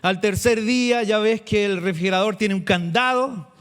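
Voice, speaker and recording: A male pastor preaching a sermon, asking the congregation questions and slowing down to stress key words. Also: high voice, fairly bright tone, smooth.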